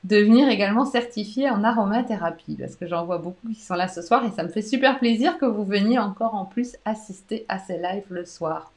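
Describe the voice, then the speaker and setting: A woman's voice: medium pitch, brisk, few pauses. A woman with a Belgian French accent, a pharmacist hosting a live online question session, chatty with many hesitations. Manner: chatty, warm toward viewers, many "euh" hesitations and restarts. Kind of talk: live online Q&A, reading and answering viewer comments.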